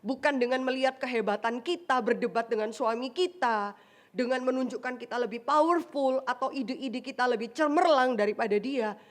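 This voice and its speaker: A woman pastor with an Indonesian accent delivers a chatty, animated sermon in a church. Her voice sits a little higher than most. She drops in English phrases and briefly acts out the people she talks about. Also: normal speed. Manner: conversational preaching, mixing in English phrases and acted asides. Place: church sanctuary.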